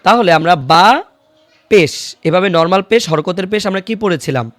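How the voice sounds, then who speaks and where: A fairly high-voiced man teaches a beginner's Quran reading class, sounding out each letter and vowel mark slowly and repeating it. The recording is close and dry, with no room sound. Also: fairly bright tone, no room sound. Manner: patient, repeats each syllable slowly for students to follow. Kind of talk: online recitation lesson.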